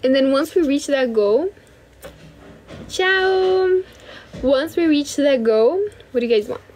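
A young woman from Brazil with a high voice hosts a relaxed livestream from her bedroom. She chats freely with viewers, often thanks them, and now and then switches languages. She talks into a phone held at arm's length. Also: slow, slight background noise. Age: young adult. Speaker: livestream host. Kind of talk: casual livestream chat.

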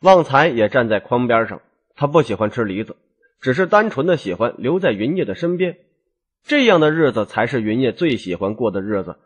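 A man narrates a long serialized novel in a traditional storytelling style. His voice is husky and moves up and down in a lively way. He keeps the delivery expressive. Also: mid-range voice, brisk, muffled recording. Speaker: audiobook narrator.

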